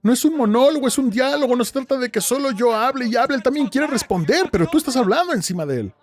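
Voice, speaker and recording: A man's voice: extremely high pitch, animated, fast. A man preaching a sermon as pastor, emphatic, with rhetorical questions and repetition.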